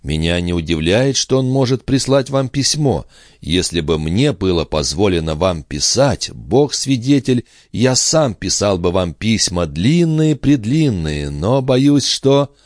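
A man's voice: lowish voice, big pitch swings, measured pace, no echo, studio quality, voice pushed up. A man doing a flustered young farmhand. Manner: flustered, eager to please. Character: awkward earnest big-handed young farmhand.

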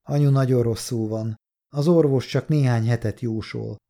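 A man's voice: medium pitch, steady tone, vocal fry, dark tone, natural voice. A man voicing a distressed, worn-out young woman who speaks in a faltering, tearful way. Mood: weary, tearful.

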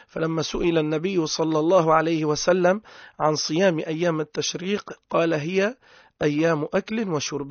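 Speaking in Tunisian Arabic, a man with a fairly high voice gives an emphatic religious lesson, switching between dialect and formal speech and drawing words out to highlight errors. The sound is dull, lo-fi and dry.

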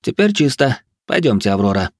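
A man voicing a pompous, ranting aristocrat who lectures and barks cooking orders in a shrill, squealing voice. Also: very animated, a little fast, no echo, studio quality. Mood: stern. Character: shrill manic aristocratic male drill-sergeant cook. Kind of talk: audiobook character voice.

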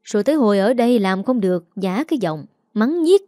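A woman's voice: medium pitch, expressive, brisk, dark tone, dry recording, studio quality, natural voice. A woman voicing a hot-tempered, crude grown son who roars and curses, in a Southern Vietnamese accent. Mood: grumbling. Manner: roaring, cursing.

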